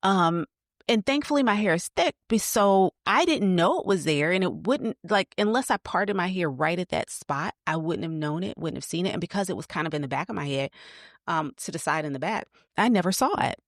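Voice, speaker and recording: A woman's voice: fairly low pitch, expressive, fairly quick, dry recording, clean studio sound. A woman hosting an advice podcast, telling personal stories in a chatty way with lots of fillers. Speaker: podcast host. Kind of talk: casual advice podcast monologue.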